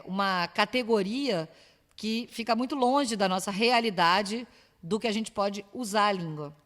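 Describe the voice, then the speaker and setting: A woman's voice: mid-range voice, fairly bright tone. A woman with a Brazilian Portuguese accent giving an academic lecture, explaining step by step and asking rhetorical questions. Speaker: university lecturer. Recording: long reverb of a lecture hall.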